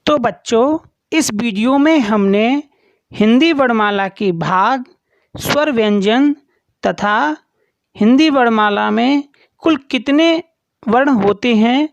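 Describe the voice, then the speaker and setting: A woman teaching children in a slow, deliberate way, spelling out each letter clearly. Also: on the high side, expressive, no room sound, lo-fi sound. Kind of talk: children's lesson.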